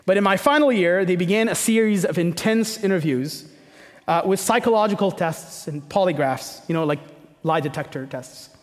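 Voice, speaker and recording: An Egyptian pastor preaches a sermon in a high-pitched voice at a moderate pace, keeping it conversational while leaning on emphatic repetition and rhetorical questions. The recording carries a long hall reverberation.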